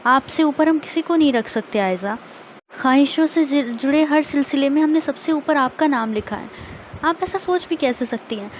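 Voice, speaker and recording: A woman voices a self-assured young husband who teases and coaxes his wife. The voice sits fairly high, and it drops soft and low whenever he turns tender. A faint hiss runs underneath. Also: animated, moderate pace. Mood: coaxing. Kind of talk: storytelling a romance.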